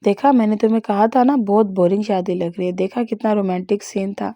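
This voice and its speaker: A woman's voice: mid-range voice, fairly even intonation, mellow, no echo, lightly acted. A woman voicing a mischievous young man who plays pranks, read in a playful, scheming tone as part of a storybook narration. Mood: teasing.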